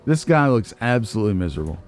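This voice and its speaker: Talking very fast in a sing-song, fairly low voice, a man narrates his let's play, thinking out loud and teasing himself. Faint music plays behind him.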